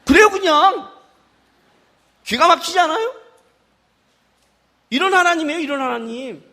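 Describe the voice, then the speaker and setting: A man preaching a sermon as pastor at a worship service, playful and lively, acting out dialogue and firing rhetorical questions at the congregation. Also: extremely high pitch, normal speed.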